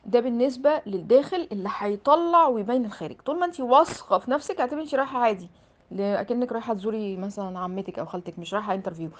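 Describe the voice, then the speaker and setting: Fast-talking Egyptian woman coach. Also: a little high. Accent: Egyptian Arabic. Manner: animated, emphatic, repeats "aah" as filler. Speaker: career coach. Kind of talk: motivational advice talk.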